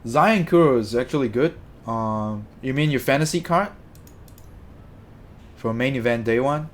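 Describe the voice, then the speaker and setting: A young streamer from Malaysia answers his viewers at normal speed with a mid-range voice. His live-stream chat is loose and rambling, full of self-corrections.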